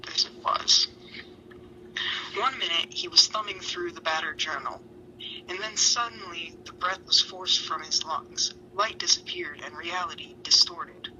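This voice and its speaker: A woman with a lowish, sharp-toned voice reads fan fiction aloud in an amateur dramatic style, sprinkling in sweary, self-mocking asides. It's a noisy home recording.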